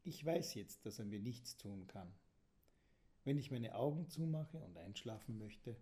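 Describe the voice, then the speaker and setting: A man reading a children's story aloud in a calm, gentle way, sometimes dropping to a whisper. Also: fairly low pitch, a little slow.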